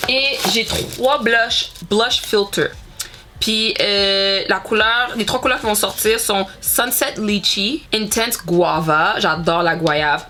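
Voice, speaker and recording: A woman's voice: medium pitch, noisy background. A woman in her thirties from Montreal with a Quebec French accent, chatting casually as a beauty vlogger and slipping between French and English with lots of fillers. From Montreal, Canada. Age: 30s. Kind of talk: casual get-ready-with-me chat.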